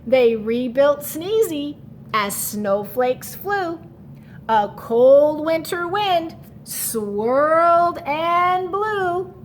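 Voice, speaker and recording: A woman storyteller and teacher speaks to young children in a high voice. She goes slowly and expressively, with wide swings in pitch, explaining and posing questions as she goes. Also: slight background noise. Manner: expressive, instructional, asks questions. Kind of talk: children's read-aloud and lesson.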